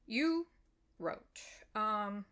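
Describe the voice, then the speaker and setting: An American woman, an author, calmly replies to a reader's comment in a measured, explanatory way with frequent fillers. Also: mid-range voice. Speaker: web fiction author. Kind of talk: reply video addressing a reader's comment.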